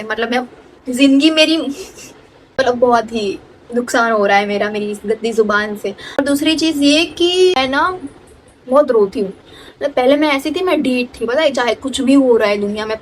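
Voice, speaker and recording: A woman's voice: sits high, a little hiss or hum, rough recording. A young woman answering fan questions in a casual vlog, chatty, switching between Hindi and English and repeating her words.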